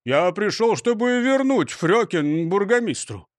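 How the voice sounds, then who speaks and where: A man's voice: sits high, sing-song, a little slow, no room sound, studio quality. A man voicing a polite young firefighter. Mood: earnest. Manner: polite, earnest.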